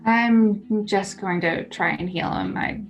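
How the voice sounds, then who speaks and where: A woman taking her turn in a tabletop role-playing game, halting and unsure as she works out her moves. She talks slowly at a middling pitch, with light guitar music behind. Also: poor audio. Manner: hesitant, halting with many fillers. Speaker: player. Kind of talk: casual tabletop play.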